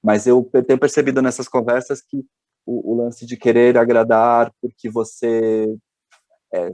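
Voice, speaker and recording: A man's voice: medium pitch, a little mellow, no echo. A male host, telling stories in casual chat and often restarting his sentences. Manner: chatty, hesitant restarts. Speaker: podcast host.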